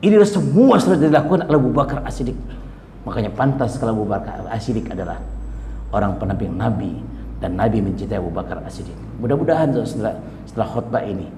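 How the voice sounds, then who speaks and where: A man's voice: lowish voice, animated, quick pace, noisy background. Man preaching a Friday sermon in an echoey mosque. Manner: storytelling, acting out quoted voices, swinging from loud to hushed. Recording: echoey hall with long reverb, faint ambience.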